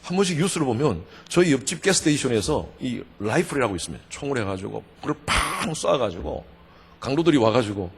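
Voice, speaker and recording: A middle-aged Korean pastor telling a personal testimony in a revival sermon, animated, swinging between loud outbursts and quiet asides. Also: male voice, mid-range voice, brisk, vocal fry, husky. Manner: storytelling, animated, with sudden shouts and quiet asides. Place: church sanctuary. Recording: church hall with long reverb.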